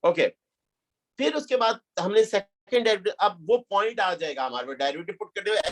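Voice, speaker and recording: A man, teaching a math lesson step by step, mixing in English terms and checking "clear?" with his students. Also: sits high, expressive, moderate pace. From Pakistan. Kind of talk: classroom lecture.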